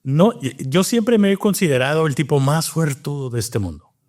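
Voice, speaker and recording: A man's voice: fairly high pitch, expressive, moderate pace, darkish tone. A man from Cuba, a doctor and scientist, telling his story in a casual interview, thoughtful and full of restarts. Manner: reflective, with many fillers and restarts.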